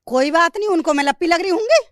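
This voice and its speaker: A housewife, speaking bluntly and boldly as an interviewee. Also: female voice, very high-pitched, lively intonation, fast, dry recording, clean studio sound. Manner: blunt, outspoken and bold. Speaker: interviewee, neighbor. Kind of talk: casual interview chat.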